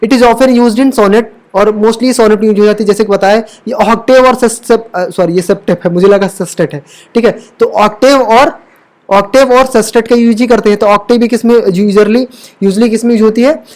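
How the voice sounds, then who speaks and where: A woman's voice: on the high side, fairly even intonation, normal speed, darkish tone. A woman teaching English literature for exam prep, asking rhetorical questions, checking in often and fixing her own slips as she talks. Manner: corrects own slips mid-sentence. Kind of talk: exam-prep lecture mixing Hindi and English terms.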